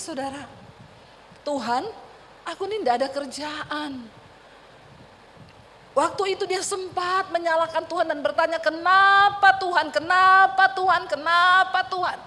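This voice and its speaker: A woman's voice: high voice, a little hiss or hum. A woman pastor preaching a sermon, telling a story with emphatic repeated cries. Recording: reverberant church hall, faint ambience.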